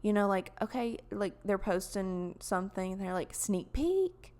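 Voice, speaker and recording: A woman's voice: medium pitch, flat delivery, moderate pace, darkish tone. A young woman, hosting a casual solo podcast in a rambling, chatty way full of fillers. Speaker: podcast host.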